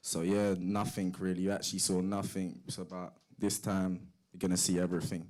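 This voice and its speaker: A man in his twenties with a low voice that stays on a level tone. He talks like a boxer before a fight, in short, boastful phrases. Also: little pitch movement, moderate pace, a little mellow, slight background noise. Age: 20s. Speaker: boxer at a press conference. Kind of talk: fight promotion talk.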